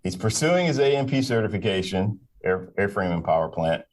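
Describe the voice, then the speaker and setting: A man's voice: fairly low pitch, big pitch swings, brisk. A man hosting a live aviation talk show, introducing guests in a friendly, joking way. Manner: friendly, jokey, stumbling over names. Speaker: host.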